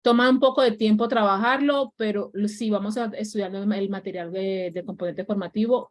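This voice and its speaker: A woman's voice: mid-range voice, a little mellow. Patient woman teaching a class. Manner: patient, checks understanding often. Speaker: English teacher. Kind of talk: online class explanation.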